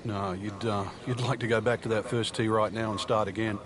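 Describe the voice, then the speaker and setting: A man's voice: on the low side, level tone, fairly quick, close to an everyday voice. A man playing an easygoing television golf commentator, giving conversational analysis for a video game. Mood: relaxed analysis. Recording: loud outdoor ambience noise.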